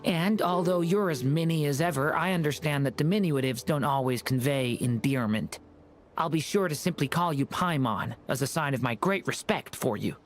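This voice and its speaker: Guy doing a shy polite dragon boy in a game, earnest, bit formal, soft music behind. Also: fairly high pitch, normal speed, lightly acted. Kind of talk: video game voice acting.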